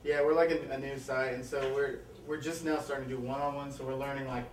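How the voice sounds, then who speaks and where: A man's voice: medium pitch, steady tone, fast, a little hiss or hum. Male web interviewer, hesitant, full of fillers, distant mic in an echoey room. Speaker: interviewer for a movie website. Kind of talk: casual interview questions.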